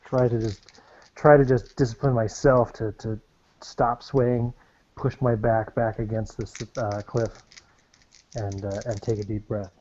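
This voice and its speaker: A man's voice: medium pitch, level tone, a little slow, dark tone, lo-fi sound. A man playing a tabletop game, wry and joking. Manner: wry, joking, swears casually. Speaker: player. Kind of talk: casual tabletop game play.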